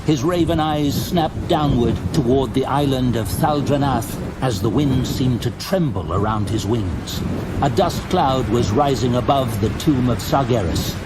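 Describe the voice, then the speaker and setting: A man with a mid-range voice delivers dramatic scripted narration for a fantasy audio drama, speaking unhurriedly. Loud, dramatic music plays beneath him, adding heavy background noise.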